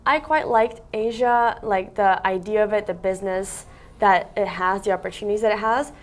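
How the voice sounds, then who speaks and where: A woman's voice: mid-range voice, moderate pace. A young woman from Russia, a content creator, chatting casually as a guest in an office interview, with lots of "like" fillers. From Siberia, Russia. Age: young adult. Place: office meeting room by large windows.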